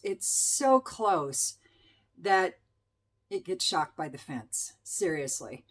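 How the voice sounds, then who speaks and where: Chatty woman reviewing perfumes. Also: deep voice. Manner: chatty, enthusiastic, with fillers and self-corrections. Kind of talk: casual product review.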